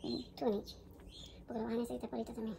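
Very fast-talking bilingual woman caregiver. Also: on the high side, flat delivery, vocal fry, background noise. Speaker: caregiver at home. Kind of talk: casual chat, mixing English and Spanish.

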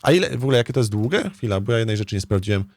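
A man with a fairly low-pitched voice talks very fast and with lots of energy, recorded with no room sound. He's a streamer and let's play host chatting casually, thinking out loud in a hesitant, rambling way and often repeating himself.

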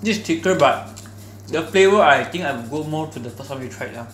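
A woman's voice: deep voice, expressive, fast talker, echoey room, slight background noise. A woman, co-hosting a food channel in playful, slangy casual chat. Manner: playful, teasing, drops in slang.

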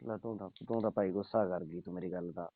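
Male caller, low voice, talks fast, coaxing tone, heard over a phone. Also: fairly even intonation, dry recording. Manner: coaxing, pleading. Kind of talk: phone call. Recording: tinny phone line.

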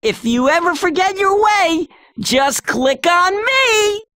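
A performer voicing a helpful talking map in a children's game, calling out places slowly and clearly. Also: extremely high pitch, very animated, pushed and bright, no room sound, studio quality, exaggerated voice. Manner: slow, clear guide calls.

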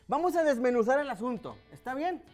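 A woman with a Mexican accent hosting a children's TV show in an animated, playful and teasing way. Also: sits high, fairly quick, soft background music. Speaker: children's TV host.

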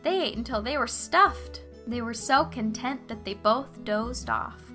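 A woman narrating a children's fairy tale expressively, slowing down for emphasis. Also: fairly high pitch, bright, forceful tone, soft background music.

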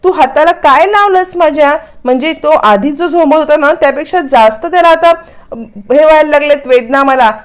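A woman's voice: sits high, moderate pace, pitched above the performer's own voice, natural voice. A woman voicing a stubborn young wife in pain who insists and repeats her complaints.

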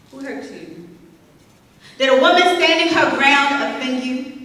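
Young woman, spoken word poet, bright high voice, echoey hall from a distance. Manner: rhythmic, emphatic, confrontational delivery with rising punch lines. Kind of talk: spoken word poetry performance. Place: small arts center stage, indoors. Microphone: stand mic, filmed from the audience.

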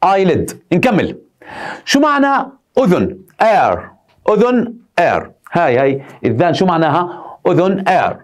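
A man's voice: high-pitched, very animated, normal speed. A male teacher, drilling vocabulary by asking and answering his own questions. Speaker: English teacher. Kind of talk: vocabulary lesson, repeating words.

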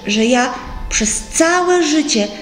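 A woman's voice: sits high, animated, slow pace, a bit bright, pitched above the performer's own voice, full character voice. A woman reading an audiobook and voicing a timid young male mole, full of shy, eager wonder. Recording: roomy with faint music.

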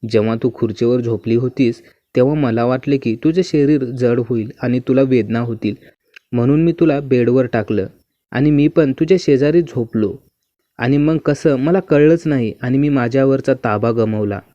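A man reading the part of a grown man's teasing, pushy younger brother-in-law in a spoken story, in an even, unhurried manner. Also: mid-range voice, dry recording, natural voice. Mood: confessing. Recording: dull, muffled dry recording.

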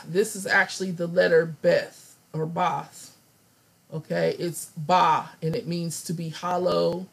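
Hoarse and raspy from laryngitis she hasn't fully shaken, a woman with a lowish voice leads a scripture study lesson using slides. She works through it out loud, filling gaps with lots of ums.

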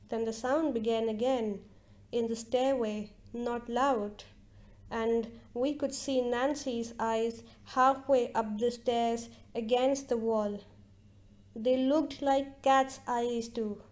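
A woman reading a literary short story aloud with slow, measured narration. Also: a little high, darkish tone. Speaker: reader.

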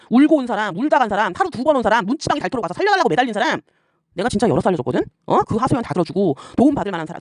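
Furious fast-talking woman ranting. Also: medium pitch, dry recording, studio quality. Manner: scolding, swearing, rapid rhetorical questions; repeatedly tags lines with a sharp "eh?". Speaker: YouTuber addressing rivals. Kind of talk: angry confrontational rant.

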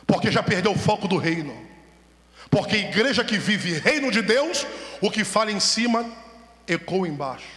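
A man preaching in a church, his high, bright voice ringing through a long hall reverb. He drives the sermon with rhetorical questions and pushes the congregation to answer amen. The sound is echoey and roomy, as from a church's own sound system. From Brazil. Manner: animated, rhetorical questions, calls for amens. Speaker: pastor preaching. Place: church sanctuary, at the altar.

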